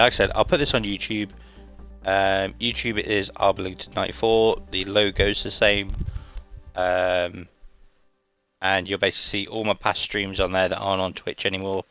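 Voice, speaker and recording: A man's voice: deep voice, flat delivery, normal speed, fairly bright tone, rough recording. A tired, yawning man, chatting casually as he streams a racing game, rambling with many fillers and restarts. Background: game music and car engine sounds.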